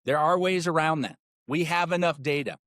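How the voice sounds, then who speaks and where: A man's voice: a little high, normal speed, a bit bright, no room sound, clean studio sound. A man hosting a political podcast, ranting with angry, sarcastic, profane commentary. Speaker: podcast host.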